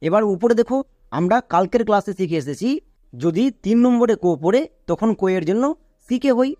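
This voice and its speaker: A man with a high voice teaches an English reading lesson. He explains each rule patiently and repeats it, and he spells words out slowly letter by letter. The sound is dry and close, with no room echo. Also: animated, darkish tone. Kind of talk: online phonics lesson.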